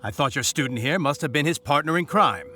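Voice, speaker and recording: A man's voice: a little high, expressive, fairly quick, pushed and bright, slight background noise. A man voicing a stiff, officious knight in a game, speaking in a formal, by-the-book way. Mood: explaining.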